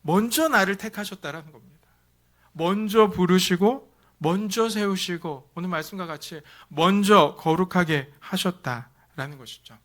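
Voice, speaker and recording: A man preaching a Sunday sermon as pastor, moving between emphatic, raised lines and hushed, soft ones. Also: high voice, a little slow. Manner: preaching with repeated stress and swings between loud and hushed delivery.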